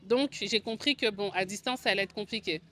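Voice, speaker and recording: Her mid-range voice is brisk and a bit bright as she narrates her own experiences in a personal vlog. The French-accented speaker, a woman in her forties from France, hosts a video channel, co-founded an agency, and talks in a conversational, explanatory way.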